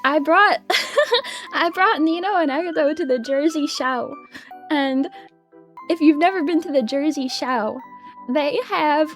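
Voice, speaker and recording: A young woman VTuber chatting casually on a livestream, excitable and giggly, swearing freely. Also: high voice, slow, faint music behind. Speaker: VTuber streamer.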